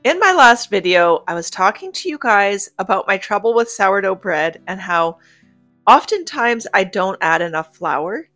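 Over soft guitar music, a homemaking vlogger talks straight to her audience in a cook-with-me video. Her mid-range voice swings widely in pitch, and she speaks a little slowly in a bright, chatty way.

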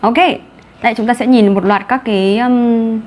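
A woman with a Vietnamese accent teaching English vocabulary in an online class, brisk and encouraging, mixing Vietnamese and English. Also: on the high side, fairly even intonation, darkish tone, a little hiss or hum.

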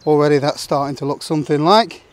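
Man in his forties, slightly high voice, matter-of-fact step-by-step camping demo, outdoors in a field. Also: fast talker. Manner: plain, matter-of-fact instructional talk. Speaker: outdoor gear vlogger. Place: open grassy meadow outdoors.

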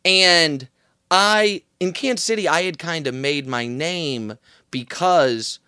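A man in his thirties telling a story with passion, his voice rising in pitch and volume as he retells it. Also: sharp tone, clean tone, no echo, clean studio sound. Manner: impassioned, quick to rise in pitch and volume when retelling. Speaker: sports radio guest. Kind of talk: animated storytelling.

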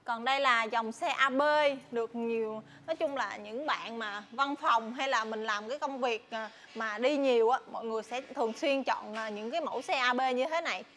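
A young woman with a southern Vietnamese accent presents stock in a casual sales style. Her voice is high-pitched and her talk is chatty, with hesitations and repeated words. She is on a lapel mic in a large warehouse with faint background noise. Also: normal speed, hardly any pauses, a bit bright. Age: young adult. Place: large tin-walled motorbike warehouse. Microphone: clip-on lapel mic.

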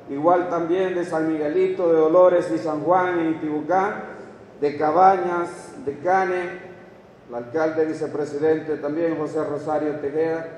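A man's voice: a little high, darkish tone, a little hiss or hum. A man in his fifties with a Honduran accent gives a formal ceremonial speech at a lectern. He reads long lists of towns and names from a page and adds brief asides. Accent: Honduran Spanish. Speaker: official speaker at a graduation ceremony. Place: large indoor hall, at a lectern. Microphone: lectern microphone. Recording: echoey hall recorded from a distance.

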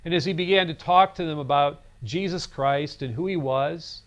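This fairly high-pitched man in his fifties tells a story at a moderate pace in a recorded seminary lecture, wearing a lapel mic in a studio classroom set. He's earnest and gestures while speaking, though the audio sounds dull.

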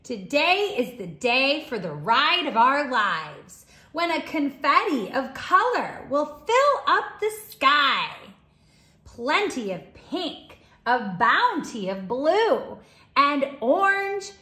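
Reading to a class of young children, a female teacher gives an expressive, carefully paced storybook performance in a high-sitting voice. Echo from the indoor room is clearly audible.

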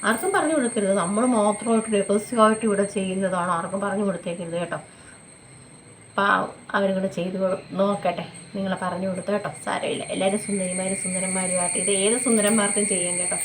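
A woman's voice: medium pitch, flat delivery, fast, poor audio. Woman vlogger, talky and repetitive, mid-range voice, casual at-home beauty tips with faint room noise behind. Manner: chatty, repetitive, often adds tag questions to viewers. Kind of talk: casual home tutorial chat.

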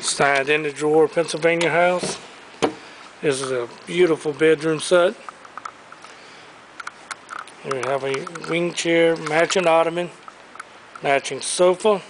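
This preview walkthrough features an auctioneer with a steady, highish voice moving through a large indoor auction warehouse. He's upbeat about the items on offer, speaks unhurriedly and pauses often. His handheld camera captures a noisy background.

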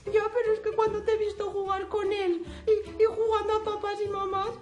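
A woman voicing a sensible young female pup who gently scolds and coaxes in a toy play video. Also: extremely high pitch, flat delivery, brisk, reverberant, dull audio. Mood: coaxing.

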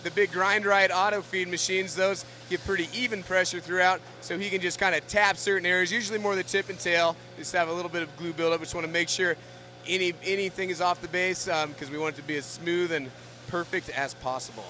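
A man who manages a factory, explaining the production steps in a steady, knowledgeable way. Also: high voice, fairly quick, slight background noise. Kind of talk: technical explanation.

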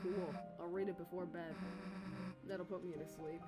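A woman's voice: fairly low pitch, fairly even intonation, normal speed, music in the background, voice pushed down, lightly acted. A woman voicing a brash, sarcastic teenage monster girl in a video game, blunt and slangy. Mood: offhand.

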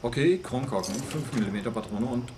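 A man narrating his own gameplay in a chatty, excitable voice of middle pitch. He mutters plans to himself and leaps up into shrill alarm when things go wrong. Game sounds sit clearly beneath his voice. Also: brisk, background noise. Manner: excitable, talks to himself, jumps up to shrill panic. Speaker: let's play host. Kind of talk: live gameplay commentary.

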